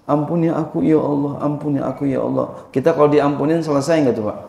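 A man's voice: on the high side, fairly even intonation, fast, gravelly, dark tone, reverberant. A man giving an informal religious lesson, repeating phrases and addressing his listeners directly. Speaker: religious teacher.

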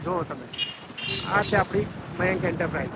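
A talkative male vlogger with a somewhat high voice, filming on a handheld phone as he chats to his audience. Clear traffic and street noise runs under everything he says. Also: moderate pace. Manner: chatty, addresses viewers directly. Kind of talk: casual festive vlog narration.

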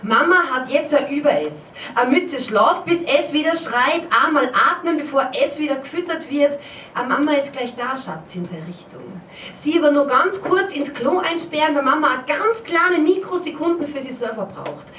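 A woman with a high, animated voice recites her slam poem at a normal pace, her delivery rhythmic, repetitive and touched by dialect. She's onstage in a small pub in front of a crowd, captured in a dull, roomy recording from far off with a little background noise.

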